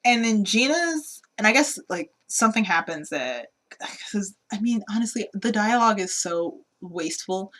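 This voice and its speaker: A woman's voice: mid-range voice, moderate pace. A woman co-hosting a podcast, casually talking through a film and acting out the characters' lines as she goes. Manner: animated retelling, acts out characters' lines. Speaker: podcast co-host.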